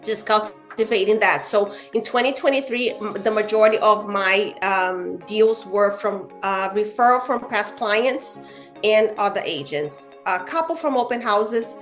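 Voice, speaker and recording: Earnest woman, animated. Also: medium pitch, a little slow, faint music behind. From Brazil. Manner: earnest, animated, with frequent "you know" fillers. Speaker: guest realtor. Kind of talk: casual interview chat.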